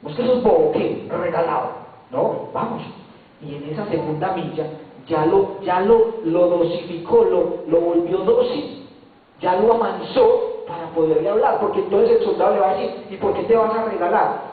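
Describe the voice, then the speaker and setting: A man's voice: sits high, normal speed. A man preaching a sermon as pastor, telling stories, acting out dialogues and asking the congregation rhetorical questions. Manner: acts out dialogues in different voices. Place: church hall. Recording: echoey hall, distant mic, thin phone-like sound.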